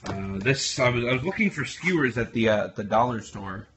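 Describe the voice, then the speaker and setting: A man's voice: medium pitch, lively intonation, fairly quick, fairly bright tone, slight background noise. A young man from Canada talking casually into his phone camera, wry and rambling with lots of fillers and restarts. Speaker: vlogger. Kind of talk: casual vlog narration. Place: garage, then a barn wrestling show.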